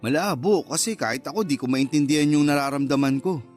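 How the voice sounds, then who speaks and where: A radio drama actor with a voice on the high side speaks at a quick pace against soft background music, sounding natural. He portrays a hesitant yet candid young man who dates older women, keeping the conversation casual and mildly defensive.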